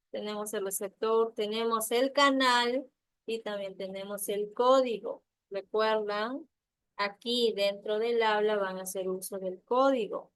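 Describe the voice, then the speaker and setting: A woman's voice: a little high, dry recording. Peruvian woman teaching, quizzing her class. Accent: Peruvian Spanish. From Peru. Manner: checks understanding with frequent tag questions. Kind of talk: online class lecture.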